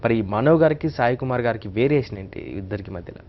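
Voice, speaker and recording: A man hosting a TV interview, guiding the talk with brisk questions and taking calls. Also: mid-range voice, lively intonation, dull audio, crowd noise. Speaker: TV host.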